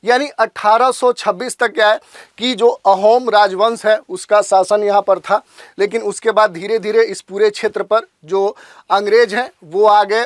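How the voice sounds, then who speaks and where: A lecturer giving a steady explanatory lesson for exam preparation, often restating points with filler phrases. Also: medium pitch, dry recording, clean studio sound.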